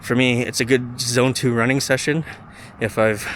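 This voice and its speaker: Guy doing a casual vlog while running, talks in short halting bits, medium pitch, lots of street noise behind him. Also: level tone, a bit bright. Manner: talking while out running and walking; halting delivery in short phrases with pauses. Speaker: running vlogger. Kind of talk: casual vlog talk to camera. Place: outdoors on a running route. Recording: outdoor street noise, passing cars. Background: traffic and outdoor ambience.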